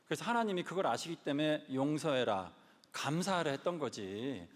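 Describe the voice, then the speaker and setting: A man giving a lively sermon-style talk, telling stories and repeating key lines for emphasis. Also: a little high, moderate pace. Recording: long hall reverb.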